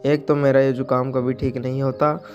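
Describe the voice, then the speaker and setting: Brief: greedy storybook moneylender, flat delivery, soft music behind, a man voicing him. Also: medium pitch, normal speed, highs cut off, lightly acted. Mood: wheedling. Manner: pushy, fussy about money. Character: greedy moneylender, middle-aged man, sniffly. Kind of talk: storybook character voice.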